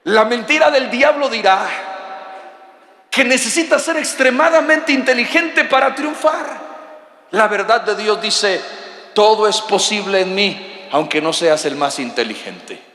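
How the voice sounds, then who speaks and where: High, bright-voiced preacher in echoing hall. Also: male voice, unhurried. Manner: animated preaching, bursts of shouting, joking with the congregation. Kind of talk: sermon. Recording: echoey hall with long reverb.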